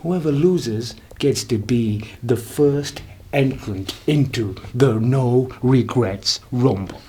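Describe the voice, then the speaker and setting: A man's voice: medium pitch, slow. Needling man in a backstage office. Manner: challenging, needling, grows loud. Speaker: wrestling show authority figure.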